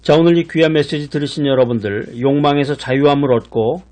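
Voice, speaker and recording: A man's voice: fairly high pitch, fairly quick, a little mellow. A middle-aged man preaching a sermon as a pastor, earnest and repeating key phrases for emphasis.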